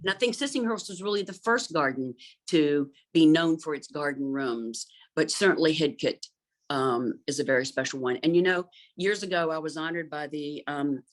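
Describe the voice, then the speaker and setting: A woman's voice: deep voice, normal speed. A middle-aged woman, an interior designer, chatting about gardens in a thoughtful, fluent way with frequent ums. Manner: thoughtful, fluent with many um fillers. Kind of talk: conversational talk about gardens.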